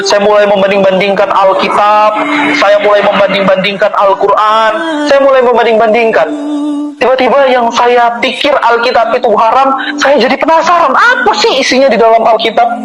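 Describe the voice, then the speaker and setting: Man, high-pitched voice, impassioned church testimony, emphatic, repeats phrases for stress. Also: low-quality recording.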